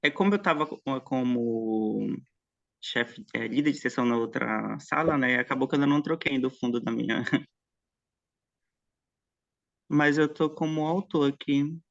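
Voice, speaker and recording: A man chatting casually with a colleague before an online conference session, friendly and quick to laugh, heard over a video call. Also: mid-range voice, vocal fry, a bit bright, lo-fi sound. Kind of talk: casual online meeting chat.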